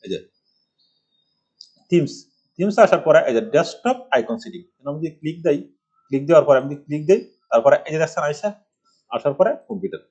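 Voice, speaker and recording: A man's voice: on the high side, expressive, fast talker, pauses often, a little mellow, husky. A middle-aged man from Bangladesh teaching a rambling computer tutorial, asking rhetorical questions as he goes. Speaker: computer course instructor. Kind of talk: screen-recorded computer tutorial. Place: village home.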